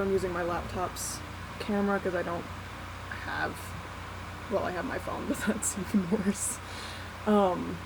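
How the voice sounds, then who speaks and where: Young adult vlogger, slow, candid and self-deprecating delivery, recorded on a laptop with a loud fan running. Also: mid-range voice, vocal fry, noisy background. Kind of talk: casual unscripted confessional vlog, one take. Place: small warm bedroom at night. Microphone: laptop built-in mic. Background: whirring fan.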